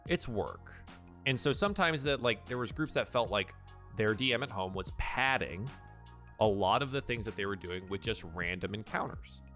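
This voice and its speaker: A man with a mid-range, sharp-toned voice hosts a casual livestream advice chat as a professional dungeon master. He speaks emphatically, repeating himself for stress.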